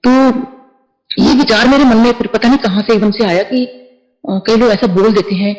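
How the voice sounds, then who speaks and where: A woman's voice: a little high, fairly even intonation, moderate pace, a little mellow, echoey room, rough recording. A middle-aged woman earnestly telling a devotional testimony, slipping English words into her speech.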